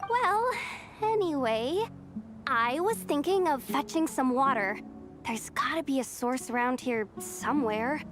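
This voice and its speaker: A woman's voice: high voice, expressive, a little slow. A woman voicing an eager, loyal young employee in a video game, earnest and chatty, anxious to please. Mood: reassuring. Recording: music behind the voice.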